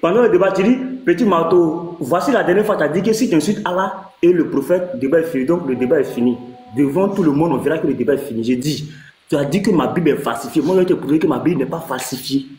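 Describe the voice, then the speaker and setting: A man's voice: a little high, quick pace, darkish tone, soft background music. A man hosting a heated live debate, emphatic and laughing, often cutting in. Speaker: live-stream debate host. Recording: roomy echo.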